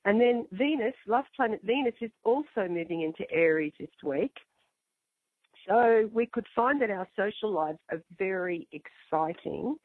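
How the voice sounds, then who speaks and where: A woman with a croaky voice, hoarse from a flu, hosting an astrology talk and chatting informally to her listeners. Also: medium pitch, expressive, normal speed, no room sound. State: getting over flu. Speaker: host and astrologer. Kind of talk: astrology show monologue, casual address to listeners. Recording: thin, phone-like line.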